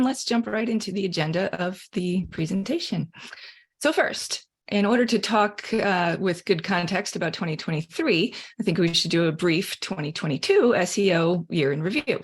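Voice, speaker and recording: A woman's voice: on the low side, husky. Chatty woman presenting over a video call. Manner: chatty, self-deprecating, laughs at own slips. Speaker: guest speaker, SEO expert. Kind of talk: webinar presentation.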